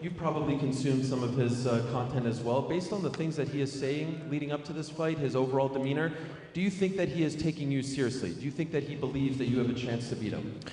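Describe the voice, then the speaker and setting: A man's voice: mid-range voice, quick pace, mellow. A man hosting a press conference, chatty and playful, saying he is losing his voice. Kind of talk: press conference moderating, hype introductions. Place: large echoey press room. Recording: echoey hall, faint ambience.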